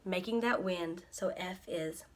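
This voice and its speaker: A woman's voice: on the low side, measured pace. A young adult woman working as a speech-language pathologist, explaining articulation cues and modeling each sound with short repeated syllables. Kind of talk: instructional explanation.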